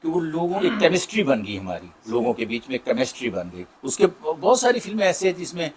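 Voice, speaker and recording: A middle-aged actor with a Saraiki accent, answering interview questions in a warm, grateful way with many pauses. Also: male voice, a little high, very animated, a little hiss or hum. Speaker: Saraiki drama and film actor.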